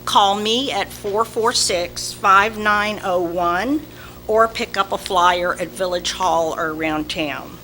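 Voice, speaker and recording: A woman with a slow Southern drawl, reading a prepared announcement as a community volunteer at a public meeting. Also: medium pitch, sharp tone. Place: indoor village board meeting. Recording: noisy public meeting room recording.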